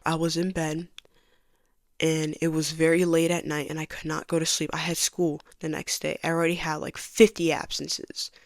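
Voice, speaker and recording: A young woman telling her personal story in a soft, halting voice that often sinks to a near whisper. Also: sits low, flat delivery, no echo, clean studio sound. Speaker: vlogger giving a personal testimony.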